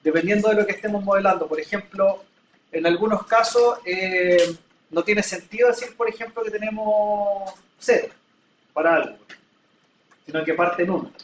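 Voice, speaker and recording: A high-pitched man delivers a classroom lecture at a moderate pace, patiently drawing on everyday examples and frequently checking students follow along. The mic sits far off in an echoey room, with a little hiss or hum.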